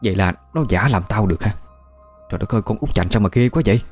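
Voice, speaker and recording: A man voicing a scolding older countrywoman who runs a shop, talking rapidly and exclaiming. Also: fairly low pitch, animated, faint music behind.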